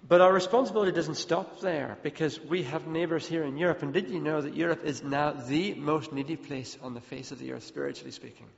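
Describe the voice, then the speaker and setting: A man's voice: fairly high pitch, a little fast, creaky, few pauses. A man preaching an earnest sermon, repeating words as he presses his points, recorded in a church hall. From Ethiopia. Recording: dull, long hall reverb.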